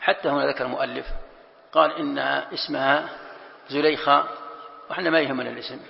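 A man's voice: fairly high pitch, steady tone, quick pace, vocal fry, in a large hall, highs cut off. A man teaching a Quran commentary lesson, explaining step by step and repeating key phrases.

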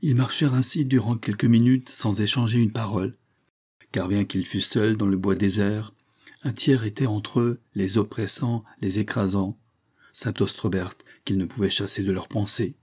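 A man giving a steady, literary narration of a novel as an audiobook reader. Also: lowish voice, normal speed, breathy edge.

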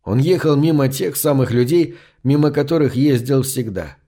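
A man narrating a science fiction story in a steady, measured audiobook reading. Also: mid-range voice.

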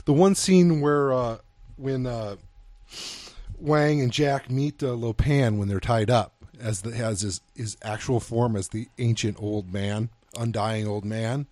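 A man co-hosting a casual film discussion, thinking aloud in a halting, hesitant way. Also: mid-range voice, darkish tone, no room sound. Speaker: podcast co-host.

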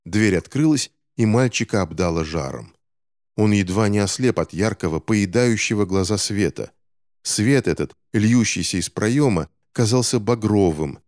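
A man reading a novel aloud in measured scripted narration. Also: lowish voice, expressive, darkish tone, no echo, studio quality. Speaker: audiobook narrator.

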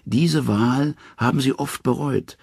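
A man's voice: mid-range voice, slow, vocal fry, darkish tone, husky, no room sound, clean studio sound, voice pushed up, heavily acted. A man voicing the talking severed head of a wise old male advisor, grumbling as he explains.

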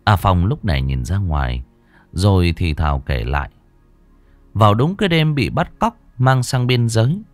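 A man narrating an audiobook story in an expressive, storytelling way. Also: lowish voice, normal speed, no echo, faint music behind. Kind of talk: scripted narration.

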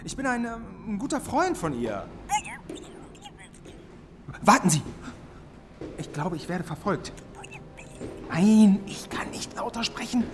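A man's voice: high voice, very animated, noisy background, full character voice. An actor playing a nervous, earnest man who wants to be a superhero, in a radio drama. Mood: frightened. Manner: nervous, hurried. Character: flustered would-be superhero man, anxious and earnest.

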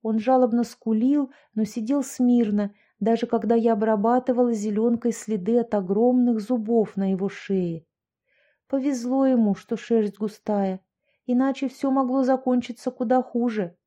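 Woman narrator, first-person story, mellow tone, slightly high voice. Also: moderate pace. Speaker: audiobook narrator.

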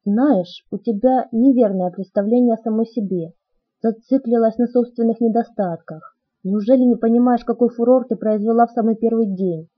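A woman voicing a brooding, soft-spoken teenage boy in an audiobook, speaking in hushed, measured tones. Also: fairly high pitch, breathy edge, highs cut off.

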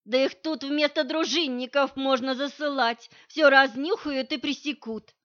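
A woman reader voicing a brash, teasing young woman who talks loud and quick. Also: high voice, fairly even intonation, pitched above the performer's own voice. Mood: excited. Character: brash cheeky young woman, former shooter. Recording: dull lo-fi recording.

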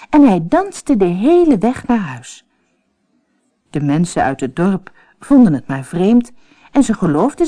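A woman narrating a fairy tale for an audiobook in a slow, expressive storytelling manner. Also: medium pitch.

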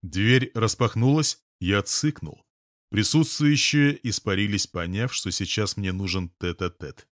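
Male narrator, low voice, steady first-person audiobook read, dry studio sound. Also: unhurried, dry recording.

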